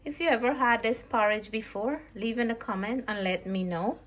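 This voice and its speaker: A woman's voice: fairly high pitch, normal speed, a bit bright. Chatty woman in a home kitchen. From Guyana. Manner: chatty and homely, explains step by step. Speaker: cooking vlogger. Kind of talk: casual vlog narration. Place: outdoors in snow, then a home kitchen.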